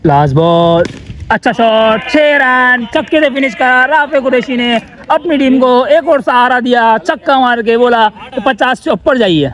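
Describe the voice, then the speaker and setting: A man giving brisk ball-by-ball commentary on an amateur indoor cricket match. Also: very high voice, fairly bright tone, rough recording. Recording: crowd noise behind.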